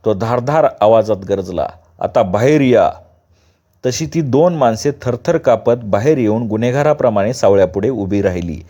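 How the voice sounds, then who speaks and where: Male storyteller, vivid dramatic narration; mellow timbre, muffled recording. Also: mid-range voice.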